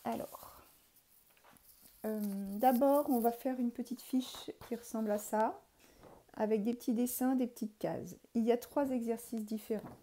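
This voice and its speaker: A woman's voice: a little high, a little slow, mellow, slight background noise. A French woman teacher giving a recorded lesson to young pupils, patiently spelling out letters and syllables one by one. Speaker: primary school teacher.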